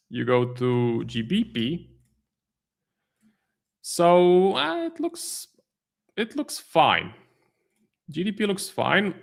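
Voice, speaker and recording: A man's voice: medium pitch, creaky. A man, a trading stream host giving live market commentary, thinking aloud with many fillers and restarts. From Croatia.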